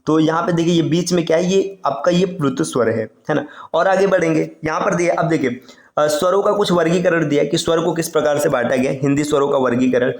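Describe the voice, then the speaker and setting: A man with a slightly high voice teaches an online exam-prep lesson step by step, explaining slowly, stretching his sounds and repeating "है ना". The sound is roomy.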